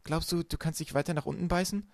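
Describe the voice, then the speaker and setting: Guy doing a sharp practical teen girl, a bit higher, talks fast and eager, dry close audiobook sound. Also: fairly even intonation, creaky, dry recording. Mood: earnest. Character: teenage girl, a clever, practical inventor.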